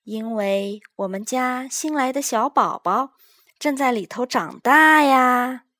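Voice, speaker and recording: Woman doing a soft sweet storybook mom, slow and soothing, dry close sound. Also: high voice, expressive, no echo, voice pushed up, heavily acted. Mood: tender. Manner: tender, soothing. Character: gentle loving pregnant mother.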